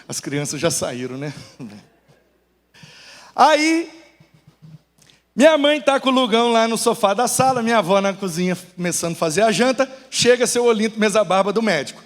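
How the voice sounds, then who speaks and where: A man's voice: sits high, moderate pace, long pauses, long reverb tail. A man, a pastor with a Brazilian Portuguese accent, preaching a sermon full of humorous family stories. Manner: animated storyteller, shifts between voices. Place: church.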